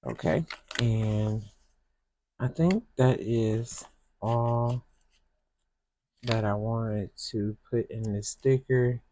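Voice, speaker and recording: With a faint hiss or hum behind her, a woman's low, rumbling voice drifts through casual talk as she decorates her planner. This planner vlogger, a Michigan native with a Southern US accent, is slow and soft-spoken and keeps restarting as she rambles.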